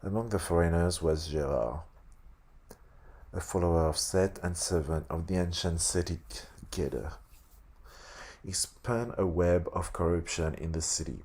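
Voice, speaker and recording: Man, very low husky voice, slushy lisped s, halting read-aloud, frequent self-corrections. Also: a little mellow. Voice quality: lisp on s sounds. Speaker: host reading a tabletop game sourcebook aloud. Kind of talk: reading aloud with casual asides.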